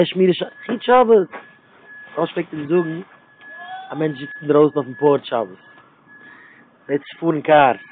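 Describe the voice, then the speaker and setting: A man's voice: a little high, a little hiss or hum. Tinny, phone-like, emphatic religious talk from a man. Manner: repetitive and emphatic, circling back to phrases. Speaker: religious speaker. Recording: tinny phone-line sound.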